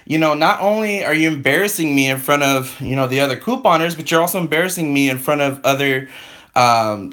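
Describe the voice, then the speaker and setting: Rambling, exasperated man with a higher voice. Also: a bit bright. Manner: rambling and exasperated, full of "I'm like" and restarts. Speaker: couponing live streamer. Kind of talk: casual storytelling on a live stream.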